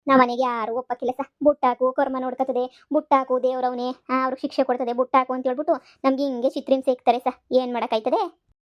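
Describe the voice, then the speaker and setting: A woman's voice: sits high, little pitch movement, fast, lo-fi sound, natural voice. A woman voicing a scheming, melodramatic elderly grandmother from for a cartoon comedy. She wails and pleads and keeps saying "sir" as she complains. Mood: pleading. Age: over 60 (figure). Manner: wailing, pleading, repeats "sir" constantly. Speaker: complainant at a police station.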